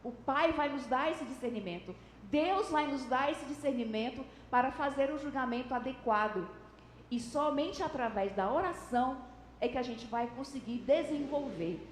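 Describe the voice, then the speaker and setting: A woman delivers a sermon in a high voice, explaining scripture step by step. She acts out small everyday examples, shifting her intonation to make a point. The sound is roomy, with a long hall reverb and faint noise behind. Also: moderate pace. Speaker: preacher. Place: church hall.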